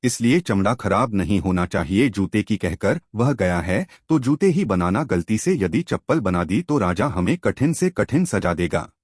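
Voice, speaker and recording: A man's voice: on the low side, big pitch swings, moderate pace, few pauses, a little mellow, no echo, clean studio sound. A man narrating a moral story, addressing listeners as friends.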